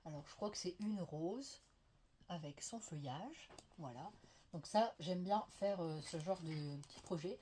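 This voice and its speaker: A French woman shows off a crafting haul in an unhurried, chatty vlog, gushing and using lots of fillers. Her voice sits on the low side, warm with lively intonation, though a lingering cough leaves it slightly veiled. There's a little hiss or hum and faintly clattering dishes.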